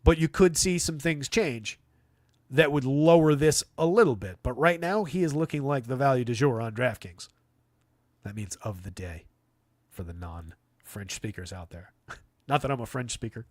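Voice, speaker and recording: A man of medium pitch and normal speed, recorded without echo, hosts a live fantasy basketball stream. He works through the analysis spontaneously in a dry, conversational way, answering chat as he goes.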